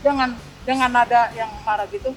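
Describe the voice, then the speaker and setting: A woman's voice: a little high, brisk, over a noisy crowd. An older woman, an online taxi driver, telling a story in a casual interview and acting out both sides of each exchange. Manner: animated, acts out both sides of dialogues.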